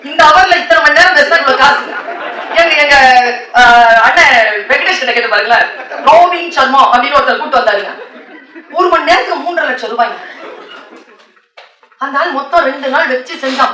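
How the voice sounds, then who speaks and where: A woman giving a motivational speech, telling stories, often laughing and slowing down for solemn lines. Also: high voice, bright, forceful tone, far from the mic, slight background noise. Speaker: motivational speaker. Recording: echoey hall, voice from off the mic.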